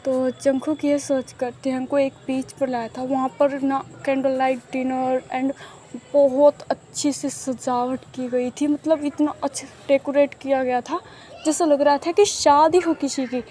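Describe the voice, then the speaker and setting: High-voiced woman narrating a love story. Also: flat delivery, measured pace, dark tone. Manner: chatty, repetitive, mixes English words.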